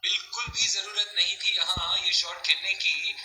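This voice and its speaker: A man giving emphatic, analytical Hindi cricket commentary in an excited game-broadcast style. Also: high-pitched, normal speed, faint music behind, rough recording.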